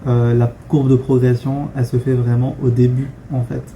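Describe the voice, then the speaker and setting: A young man from France talks straight to camera in a relaxed, frank way, often pausing on fillers. His voice is very dark and mellow, and his melody stays fairly flat. A faint hum of ambient noise sits under the recording. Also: mid-range voice, highs cut off. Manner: conversational, frank, many fillers and restarts. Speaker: vlogger. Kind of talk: casual talking-head vlog.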